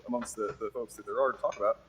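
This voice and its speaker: A man talking on a stream clip, rambling and halting as he explains himself. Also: lowish voice, fairly even intonation, crowd noise, poor audio. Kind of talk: casual stream chat.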